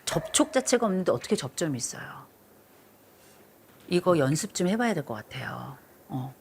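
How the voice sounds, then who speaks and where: A woman's voice: sits low, big pitch swings, moderate pace, creaky, slight background noise. A middle-aged woman counseling a couple on TV, lecturing firmly and scolding. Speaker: marriage counselor. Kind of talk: TV counseling session. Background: background music.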